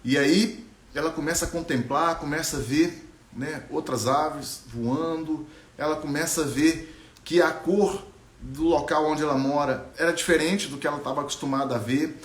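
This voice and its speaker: A man telling a story in a relaxed, reflective way. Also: a little high, moderate pace, roomy sound. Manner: relaxed, reflective, with many fillers. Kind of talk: spoken storytelling.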